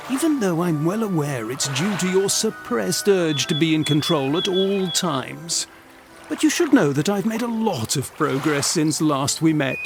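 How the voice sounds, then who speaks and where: A pompous, smug genie from a comic video game. His fairly high voice swoops through wordy, condescending phrases, with music clearly playing behind. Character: pompous male genie turned smug psychotherapist.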